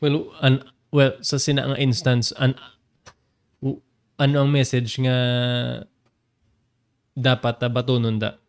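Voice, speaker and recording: A man teaching a Bible passage, animated and laughing often, jumping up in pitch to stress a point. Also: slow, pauses often, clean tone. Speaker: preacher.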